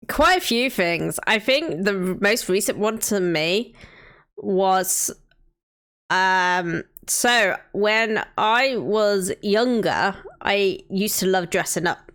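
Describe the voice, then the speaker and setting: A woman in her thirties streams a city-building game, her mid-range voice fairly bright as she chats casually. She thinks aloud and greets her viewers by name.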